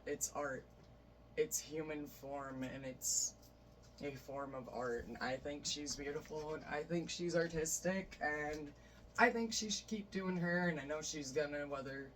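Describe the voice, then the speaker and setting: Man, casual collector vlogger, enthusiastic rambler, sits back from the mic with a light hiss in the room. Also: mid-range voice. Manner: rambling, enthusiastic, many fillers. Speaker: vlogger showing a vinyl record collection. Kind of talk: casual chat. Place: bedroom. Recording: voice a bit distant from the mic, faint noise.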